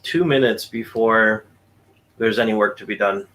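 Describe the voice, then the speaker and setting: A man hosting a relaxed stream, chatting casually with friends and making joking asides about technical trouble. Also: on the low side, normal speed. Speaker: stream host. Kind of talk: casual chat.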